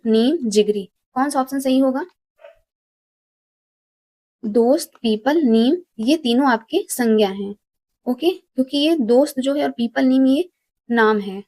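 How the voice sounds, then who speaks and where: A woman's voice: fairly high pitch, warm tone, no echo. Woman teacher quizzing and answering herself. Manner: asks questions and answers them herself, repeats key words. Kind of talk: exam-prep lesson.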